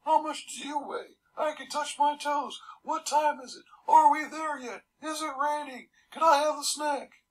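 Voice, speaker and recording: Restless little kid, whiny and squeaky, put on by a man, loud and shrill in a storybook read-aloud. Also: steady tone, far from the mic, rough recording. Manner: rapid string of whiny questions.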